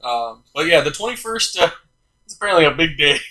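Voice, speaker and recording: Bright-voiced young man hosting a podcast. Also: on the high side, sing-song, brisk, rough recording. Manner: laughs often, rambling with fillers. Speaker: podcast host. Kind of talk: casual chat.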